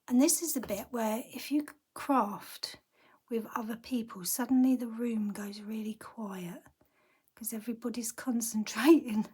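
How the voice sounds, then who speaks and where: Warm in tone and pitched on the high side, a woman's croaky voice guides viewers through a relaxed, talkative card-making tutorial. She often slips into quiet, half-whispered asides to herself as she goes.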